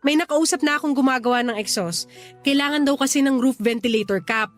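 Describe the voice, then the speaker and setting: A young woman with a Filipino accent plays a considerate but insistent neighbour in a radio drama, with music underneath. Her high-sitting voice is brisk and lightly acted, and she sounds insistent and exasperated.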